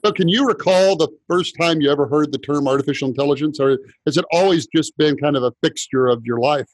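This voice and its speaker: A male podcast host with a slightly higher pitch than most men and a husky edge to his voice. He asks long, curious questions and thinks them through aloud. The sound is close and dry. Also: fast, no echo. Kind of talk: interview podcast.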